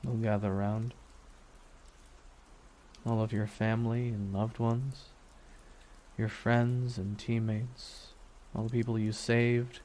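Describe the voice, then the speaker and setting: In an intimate ASMR roleplay, a man voices a dark, wistful villain sitting beside his dying superhero nemesis, speaking close in a soft, mellow, lowish tone. He's deliberate and brooding, with long pauses and quiet menace beneath the words, and the mood is solemn and wistful. Rain falling on a surface is clearly audible behind him throughout.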